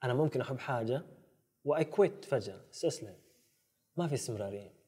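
Man, podcast guest, quick delivery, earnest storyteller who mixes in English terms. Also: mid-range voice, animated, dark tone, husky. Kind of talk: casual storytelling chat.

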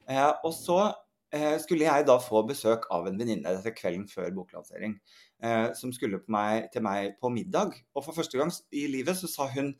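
A young man chats casually on a podcast, spinning a long anecdote. His pitch swings widely as he acts out each quoted line, leaping up high, then dropping back to a middle register. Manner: animated storyteller, acts out quoted dialogue. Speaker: podcast co-host. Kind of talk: casual storytelling chat.

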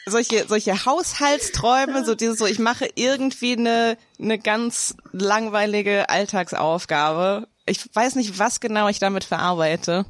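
A woman's voice: mid-range voice, measured pace, few pauses, dry recording. A woman co-hosting a podcast, telling stories in casual chat, rambling with lots of fillers. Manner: rambling storyteller with many fillers. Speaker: podcast co-host.

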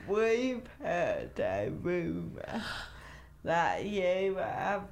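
A woman co-hosting a comedy podcast, playful and halting, stretching out her words in casual chat. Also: lowish voice, big pitch swings, creaky, background noise.

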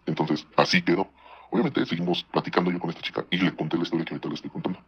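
A man with a Mexican accent telling a personal story in casual podcast chat, speaking rapidly and conversationally. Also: sits low, fairly even intonation, slightly rough, muffled recording. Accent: Mexican Spanish. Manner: rapid, conversational, slips into voices for quoted people.

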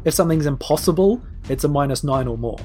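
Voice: medium pitch, lively intonation, quick pace, mellow, soft background music. A game master casually narrating a tabletop game and explaining the rules.

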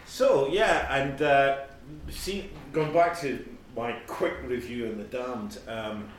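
A man's voice: medium pitch, slow. Middle-aged male podcast co-host, natural unscripted rambling talk, very echoey and distant from the mic. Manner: rambling, conversational. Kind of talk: natural unscripted casual chat about music. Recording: very echoey room, distant mic, faint noise.

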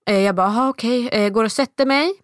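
A woman in her thirties tells a long story in casual conversation, voicing the quoted parts in a much higher pitch. There is no echo on the recording.

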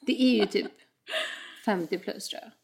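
A woman's voice: mid-range voice, gravelly. A young woman in casual chat, talkative, mixing English phrases into her talk and acting out what others said. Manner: chatty, mixes English phrases, acts out quoted exchanges.

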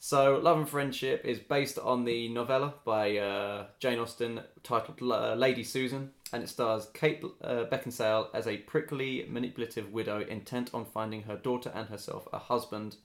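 A man hosting a casual film discussion podcast, with hesitant, halting phrasing. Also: mid-range voice, fairly even intonation. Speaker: podcast host. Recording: roomy, echoing room sound.

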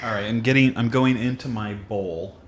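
A co-host in a casual chat while taste-testing food, expressive, quick to react, and crude. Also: mid-range voice, a crowd in the background. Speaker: podcast co-host.

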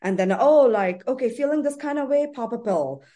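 A woman's voice: on the high side, expressive, moderate pace, warm tone. A woman therapist in a podcast conversation, talking earnestly and repeating phrases for emphasis.

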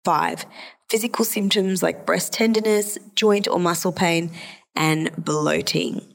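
Her sore throat gives a slight hoarse, nasal quality to this woman's fairly low voice as she explains a subject in a solo podcast episode. She is a psychologist and the show's host, and her intonation stays fairly even at a measured pace.

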